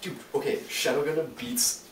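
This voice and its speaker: An insistent young man argues his point and swears casually as he cooks. He sounds far from the mic, in an echoey room full of loud noise and clicks. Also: fairly high pitch, steady tone, normal speed. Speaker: friend cooking pasta. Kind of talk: casual chat. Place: home kitchen.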